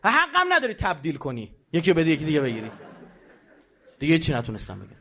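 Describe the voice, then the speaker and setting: A man giving an animated religious lecture, emphatic and rhetorical, now and then mimicking the voices of others. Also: on the high side, highs cut off, a little hiss or hum.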